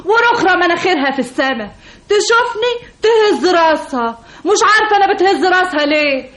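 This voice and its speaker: A gossipy maid with an Egyptian accent, mocking a neighbor in a very high voice. The sound is roomy, like an old film. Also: female voice, expressive, a little fast, fairly bright tone.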